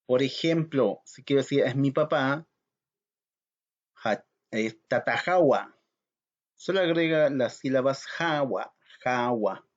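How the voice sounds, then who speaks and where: Slow, patient male language teacher. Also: medium pitch, highs cut off. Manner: slow, patient, repeats words for practice. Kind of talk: recorded language lesson.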